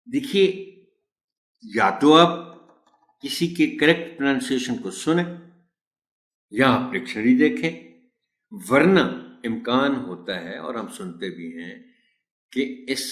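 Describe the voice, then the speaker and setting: Male teacher trainer, slow and patient, lively intonation, repeats model words, echoey room. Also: on the low side. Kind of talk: pronunciation lesson for teachers.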